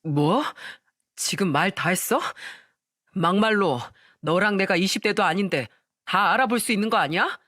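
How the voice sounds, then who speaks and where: A man's voice: high-pitched, moderate pace, sharp tone, dry recording, clean studio sound. A man voicing a calculating, condescending man in his late thirties in a scripted audio drama for a story channel, talking down to his girlfriend. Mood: resentful. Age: 30s. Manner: sneering and condescending.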